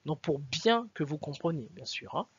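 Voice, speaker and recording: A man's voice: fairly high pitch, expressive, normal speed, slightly rough, no echo, muffled recording. A man giving an explanatory video lecture as a religious teacher, emphatic, repeating his points and asking his listeners questions.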